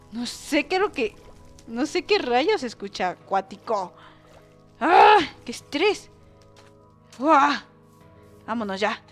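Woman chattering thru her gameplay, kinda high voice, squeals a lot, faint music behind. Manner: excitable, bursts into shrieks and squeals; chatty, talks to viewers as she plays. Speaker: gaming channel host. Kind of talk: let's-play gameplay commentary.

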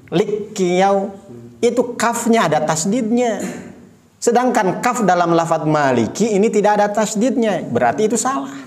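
A man with an Indonesian accent teaching beginners to recite, patiently demonstrating each word slowly and repeating his corrections. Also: sits high. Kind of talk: slow step-by-step recitation lesson.

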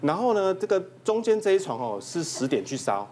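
Male doctor guest, quick and animated, higher voice, some noise behind. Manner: lively, imitates patients, rushed delivery. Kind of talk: telling a funny patient story.

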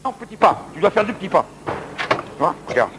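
A man's voice: high voice, very animated. Guy coaching a workout, bouncy voice, counting reps and cheering folks on, noisy room sound. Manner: brisk counted commands, encouraging. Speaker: fitness coach. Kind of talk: coaching an exercise session. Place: indoor exercise room.

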